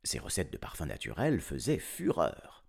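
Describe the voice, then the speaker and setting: A man reads a children's story aloud with playful, chuckling energy. His voice is very deep and gravelly. The pitch rises and falls in lively swings. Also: normal speed.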